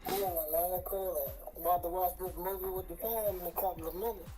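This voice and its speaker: A man calling into a live show, talking in relaxed slang, his voice fuzzy and distorted from a phone held like a book. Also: high voice, fairly quick, music in the background. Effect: fuzzy distorted phone audio. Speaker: guest caller. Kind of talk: casual chat.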